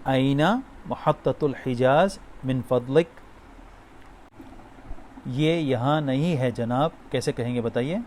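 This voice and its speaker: A man teaching a spoken Arabic class, running repeat-after-me drills. He says each phrase slowly and clearly, then prompts the listener to say it again. His voice sits at a middle pitch, and he cheers learners on. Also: a little mellow, slight background noise. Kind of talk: spoken language drill lesson.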